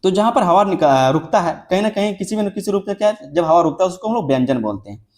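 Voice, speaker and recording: A young man with a high-pitched voice gives a classroom lecture. He repeats each point and drags out example words slowly. He keeps checking in with his listeners as he goes. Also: animated, darkish tone. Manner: repetitive, drawn-out example words with frequent checks like "theek hai". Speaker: teacher.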